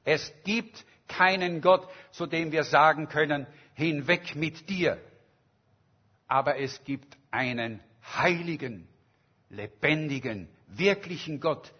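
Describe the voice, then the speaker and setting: A man preaches a sermon at a very unhurried pace and builds his story with dramatic emphasis. His voice sits a bit high for a man and sounds husky. The recording is dull and lo-fi. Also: animated. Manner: slow, emphatic, dramatic retelling.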